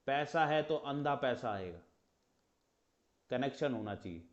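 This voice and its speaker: An animated man of medium pitch teaches astrology conversationally in Hindi with English terms, explaining through rhetorical questions and little acted-out exchanges. He speaks a bit slowly, and the audio sounds dull.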